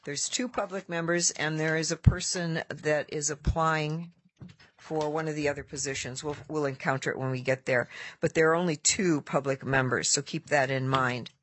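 A committee chair runs a formal legislative hearing, reading out a report and moving briskly through procedure with filler pauses. The voice is medium-pitched, steady and a bit bright, with no echo.

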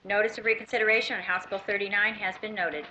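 A forceful, bright-voiced American woman chairs a legislative session, directing the room in formal procedural language. The sound is dull and lo-fi, with faint background noise. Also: mid-range voice, fairly even intonation, quick pace. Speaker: senate president presiding over session. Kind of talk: parliamentary procedure.

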